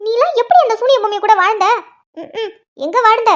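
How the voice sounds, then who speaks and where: Woman voicing a cheeky young daughter, very high voice, mocking and sharp-tongued, cartoon story. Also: fairly quick.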